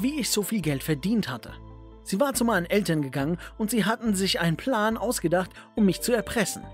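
High, lively male storyteller. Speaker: narrator. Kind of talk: scripted first-person story narration.

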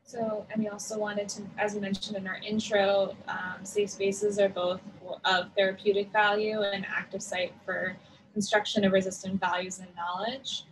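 A woman presenting research on a video call, speaking in a measured way as if reading from slides. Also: medium pitch, little pitch movement, slight background noise, low-quality recording. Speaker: academic presenter. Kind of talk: conference presentation. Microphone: video call with earphones.

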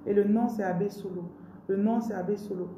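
A woman's voice: medium pitch, fairly even intonation, brisk, mellow, reverberant, slight background noise, low-quality recording. A woman with a Cameroonian French accent preaching a prosperity sermon on a live stream, declaring blessings and repeating her phrases.

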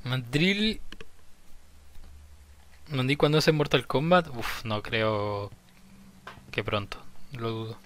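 A man's voice: mid-range voice, fairly bright tone, a little hiss or hum. Jittery Chilean man streaming a horror game. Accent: Chilean Spanish. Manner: jumpy, swears, repeats himself when scared. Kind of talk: live horror gameplay commentary.

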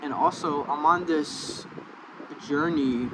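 Standing under a park pavilion with outdoor traffic noise around him, a young man vlogs to camera about personal matters, gripping a small handheld mic near his mouth. His voice is a little high, and he stutters, with blocks and repeated sounds, speaking slowly, hesitantly, and with lots of fillers.

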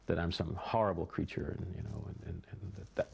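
A middle-aged man reflects calmly in an interview by a window. His voice is deep and gravelly with a dark, mellow tone. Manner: measured and reflective. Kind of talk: casual interview. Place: indoor room by a window.

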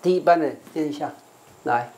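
Older monk drilling English words. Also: male voice, fairly high pitch, a little fast, a little mellow, slight background noise. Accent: Taiwanese Mandarin. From Taiwan. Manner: repeats words to drill pronunciation, coaxing the class. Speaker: Buddhist monk teaching English. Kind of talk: classroom English vocabulary lesson.

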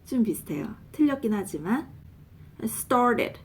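Lively woman coaching pronunciation. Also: medium pitch. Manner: drills words slowly, letter by letter; animated, laughs often. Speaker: English pronunciation teacher, nurse.

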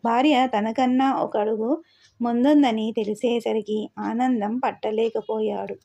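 A woman narrating a novel as an audiobook, reading in a calm, steady way. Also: fairly high pitch, measured pace, creaky, highs cut off.

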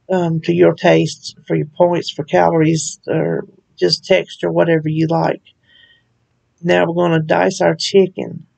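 A woman's voice: lowish voice, gravelly, darkish tone. A woman hosting a home cooking video, talking through a recipe in a chatty, folksy way with frequent laughs. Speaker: cooking channel host. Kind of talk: casual recipe walkthrough.

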